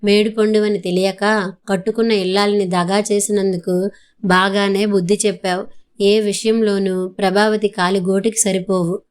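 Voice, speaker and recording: A woman voicing a short-tempered, remorseful husband in a storybook reading, with a smooth, even voice. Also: medium pitch, normal speed, lightly acted. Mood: irritable. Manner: irritable, complaining.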